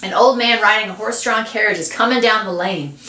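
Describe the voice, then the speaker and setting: A woman's voice: mid-range voice, a little fast, bright, forceful tone. Woman reading a storybook aloud. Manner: chatty asides to listeners. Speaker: reader. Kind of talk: reading a children's novel aloud. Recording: roomy echo.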